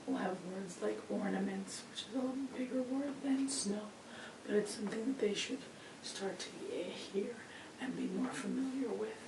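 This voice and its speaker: A woman teacher gives an informal lesson after losing her voice, so it comes out hoarse, croaky, and strained, often breaking into a breathy whisper. Her voice is mid-range at a moderate pace, and she pushes effortfully to be heard. A distant mic picks up a roomy sound with clear background noise.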